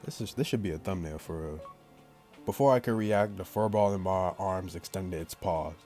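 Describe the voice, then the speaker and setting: Reading a visual novel aloud for a let's play, a gaming YouTuber with a very low, warm voice keeps a normal pace. He peppers it with slangy jokes while game music plays in the background.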